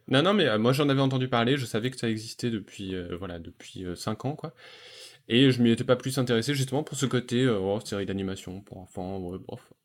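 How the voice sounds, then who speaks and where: A man hosting a relaxed podcast conversation, talking enthusiastically about animated series with frequent fillers and restarts. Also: mid-range voice, a little fast. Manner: enthusiastic, hesitant with many fillers. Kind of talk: casual chat.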